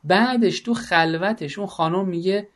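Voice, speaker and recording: A man's voice: high-pitched, fairly bright tone. A middle-aged man giving a religious talk on parenting, speaking emphatically and often acting out bits of dialogue.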